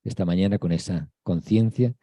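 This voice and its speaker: Man, priest, Christmas sermon, conversational, repetitive lists, dark mellow voice, dry close sound. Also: sits low, normal speed, dry recording.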